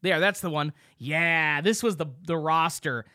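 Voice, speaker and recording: A young man co-hosting a casual podcast chat, excited and rambling, swearing freely as he reminisces. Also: a little high, measured pace, dry recording, studio quality. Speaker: podcast co-host.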